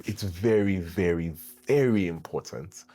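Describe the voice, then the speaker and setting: A man with a Nigerian English accent recounts his own story in a casual vlog, his everyday voice on the low side. He laughs easily and throws his pitch up sharply when he mimics others. Faint music runs quietly underneath. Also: unhurried. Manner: animated, laughs often, acts out quotes with big pitch jumps. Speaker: actor sharing his story.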